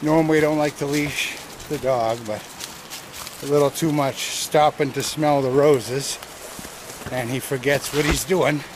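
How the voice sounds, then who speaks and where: A middle-aged man talks slowly as he hikes a wooded trail near a stream, rambling casually to the camera in a steady, medium-pitched voice. The vlog is shot on a handheld action camera at arm's length, picking up noisy outdoor audio.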